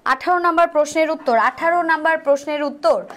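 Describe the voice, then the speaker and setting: A woman tutor leading a live online exam-prep class, repeating each question and answer several times and slowly sounding out letters to demonstrate. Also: high voice, fairly bright tone. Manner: urges viewers to answer quickly. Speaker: admission test tutor.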